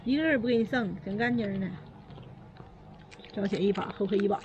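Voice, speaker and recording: A woman's voice: medium pitch, brisk, a little mellow, lo-fi sound. A woman with a Northeastern Chinese accent chatting casually outdoors in an earthy, blunt way. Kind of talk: casual chat. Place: outdoors at a house doorway. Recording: noticeable outdoor background noise.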